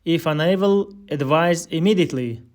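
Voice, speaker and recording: With slightly high pitch, a man reads a scripted aviation listening drill in the role of instructor. Each air traffic control phrase is enunciated with measured deliberation.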